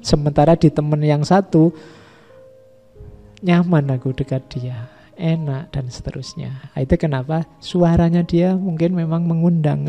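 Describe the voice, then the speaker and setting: A man giving a relaxed, conversational philosophy lecture in a mosque, listing ideas one by one. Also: fairly high pitch, vocal fry. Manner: conversational, repeats and lists ideas. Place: mosque hall.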